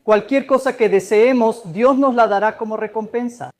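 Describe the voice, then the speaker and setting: Earnest woman with a higher voice. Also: moderate pace, a little mellow. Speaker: guest speaker answering audience questions. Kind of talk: dubbed talk at a church event.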